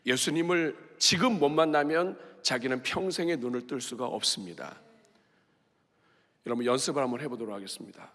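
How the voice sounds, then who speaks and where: Casting: fiery male preacher, bright forceful voice, in a reverberant sanctuary. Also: medium pitch. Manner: impassioned, acts out the blind man's cries with shouts. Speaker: pastor. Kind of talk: sermon. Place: large church sanctuary. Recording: long reverb of a large sanctuary.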